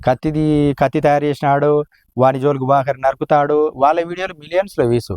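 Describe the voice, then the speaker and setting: A man's voice: on the high side, fairly even intonation, fast, a little mellow, clean tone. A man bantering with his wife in a comic village skit, rambling and teasing with mock-dramatic flair, outdoors. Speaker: husband in a village comedy skit. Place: outdoors, sitting on a rock.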